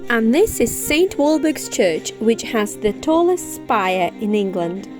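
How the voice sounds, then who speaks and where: High-voiced woman narrating over music. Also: sing-song, takes it slowly. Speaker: vlogger and narrator. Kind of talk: scripted travel narration.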